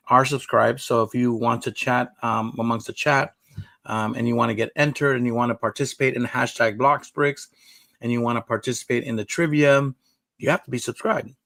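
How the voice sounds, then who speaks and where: A man's voice: mid-range voice, steady tone, brisk, gravelly, fairly bright tone, dry recording, rough recording. A man hosting a live stream, chatting in an easygoing, rambling way. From United States. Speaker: livestream host. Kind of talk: casual live-stream chat.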